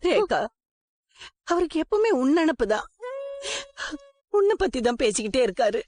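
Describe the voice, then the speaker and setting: A woman's voice: high-pitched, big pitch swings, normal speed, a little mellow, no echo. A worried, soothing mother. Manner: soothing, pleading. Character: mother Chinthamani, gentle and worried. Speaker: wife and mother. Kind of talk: TV serial acting.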